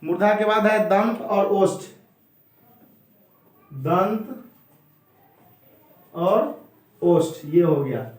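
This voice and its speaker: A man teaching a Hindi grammar lesson at a board, drilling each point slowly and repeating it while he speaks straight to his students. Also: high-pitched, animated. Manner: slow, repetitive drilling, addresses students directly. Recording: very echoey room.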